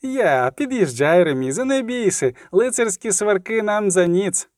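A brutal, hot-tempered bandit leader, put on by a male audiobook reader, barking orders and insults well above the reader's own pitch. The voice is sharp and contemptuous, recorded dry and close with no room sound. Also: lively intonation, measured pace, no room sound. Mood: shouting.

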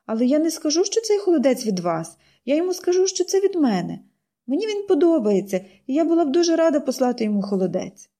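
Woman doing a young girl, eager, pleading, high voice, very lively pitch. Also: fast talker. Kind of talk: audiobook character voice.

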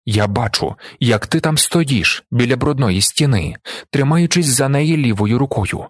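A blinded young emperor, calm and commanding, speaking in steady measured phrases, as a male audiobook narrator voices him. The voice is husky and mid-pitched, recorded dry and close. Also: no echo, lightly acted.

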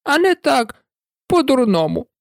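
A woman voicing a grumpy little male dormouse who complains slowly in a storybook reading. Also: sits high, sing-song, dry recording, studio quality, pitched above the performer's own voice, full character voice.

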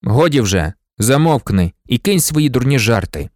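A man reading an audiobook, voicing a stern, impatient policeman who talks in a brisk, scolding, sarcastic way. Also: medium pitch, very animated, darkish tone, no echo, clean studio sound. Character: gruff stern male policeman, mocking and impatient.

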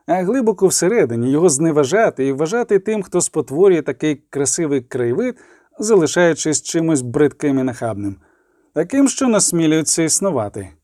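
A man narrating an audiobook with an expressive, dramatic reading. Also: fairly high pitch, fairly quick, no echo, studio quality.

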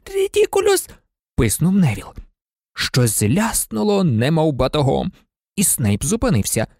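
A reader narrating a storybook expressively, with pitch shifting for drama. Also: darkish tone, dry recording, studio quality. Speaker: audiobook reader.

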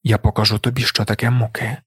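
A man reading a fierce noble mother in an audiobook, cold and threatening, protective of her son. The voice stays close to his own, only slightly raised in pitch, with a dry sound. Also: flat delivery, quick pace, fairly bright tone, breathy edge, no room sound.

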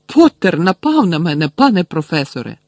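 A man voicing a spiteful, sneering teenage schoolboy bully who taunts loudly and mockingly. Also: on the high side, sing-song, normal speed, dry recording, pitched above the performer's own voice. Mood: taunting. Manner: mocking, taunting, loud and jeering.

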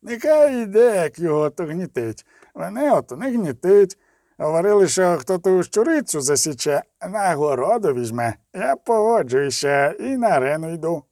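A rough, shaggy brawler, as a male reader acts him out, coarse and cocky in a high, lively voice. The sound is dry and close, like a storybook reading. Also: moderate pace, no echo.

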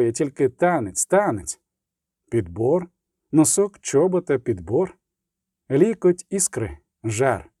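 A man's voice: medium pitch, mellow, no echo, clean studio sound. A man narrating a fantasy audiobook in a vivid, rhythmic reading style. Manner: vivid, rhythmic, building pace in the action. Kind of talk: scripted fiction narration.

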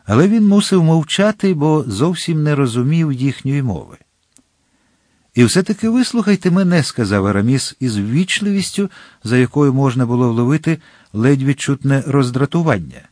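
A man narrating a classic adventure novel as an audiobook. His reading is expressive, with a voice of middle pitch that rises and falls widely. The recording is dry and close, without room echo. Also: normal speed. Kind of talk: scripted literary narration.

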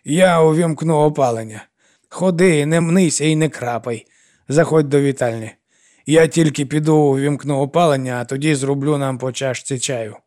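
A man's voice: fairly high pitch, a little mellow, pitched above the performer's own voice, lightly acted. A man doing a stern motherly old woman. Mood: coaxing. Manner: scolding, brisk and motherly. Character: older woman, stern yet kindly widow.

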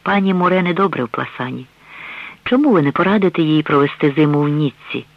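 A stern, commanding priest, voiced by a man, who speaks slowly and cuts others short. His tone is firm and severe. The sound is a dull, dry radio recording. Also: a little high, animated, dry recording. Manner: slow, stern, curt.

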